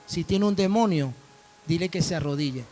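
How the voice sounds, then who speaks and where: A man's voice: on the high side, moderate pace, mellow, faint music behind. A man preaching a sermon as pastor, telling stories and acting out dialogue. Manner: storytelling preacher, quoting dialogue.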